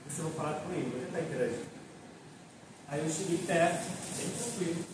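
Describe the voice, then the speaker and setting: A man with a Brazilian Portuguese accent playing a self-important, lonely doctor in a live solo stage monologue, telling his story in halting bits with asides to the audience. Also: on the high side, lightly acted. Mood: storytelling. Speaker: stage actor in a solo play. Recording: echoey theater sound from far off, with noise.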